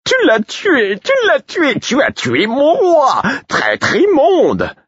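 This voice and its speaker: A shrieking, grief-crazed jester. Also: male voice, wildly swooping pitch, slow, fairly bright tone, slightly rough, no room sound, exaggerated voice. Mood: anguished. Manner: shrill, wailing accusations. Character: grief-crazed young male king's jester. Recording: dull lo-fi recording.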